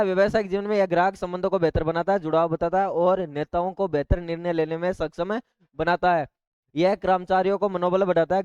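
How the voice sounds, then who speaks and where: A male tutor runs through exam points, checking in with rhetorical questions and little asides. His voice sits high and sounds smooth and clear. The recording is dry and slightly muffled. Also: a little mellow, no echo. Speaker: teacher. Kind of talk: exam-prep lecture.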